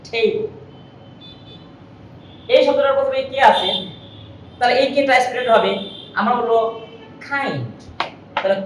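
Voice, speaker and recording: A woman teaching English pronunciation in a spoken lesson. She talks slowly and patiently, repeating each example sound several times. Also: a little high, recorded from a distance, a little hiss or hum. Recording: echoey room, voice from off-mic.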